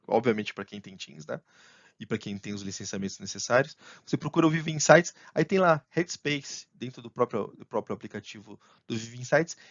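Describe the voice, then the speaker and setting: A man presents a talk at a tech conference. His voice sits at an ordinary middle pitch and sounds dry and close, with a slightly dull, muffled tone. He speaks with restarts and fillers and lifts his voice sharply when he acts out what colleagues say. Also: dry recording. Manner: animated, acts out colleagues' lines in a raised voice.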